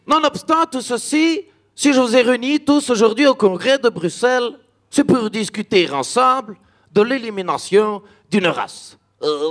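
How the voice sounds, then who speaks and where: A pompous dictator speechifies in a thick Belgian French accent, as a man puts him on. The voice sits high. He keeps breaking off into jokey asides. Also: a bit bright.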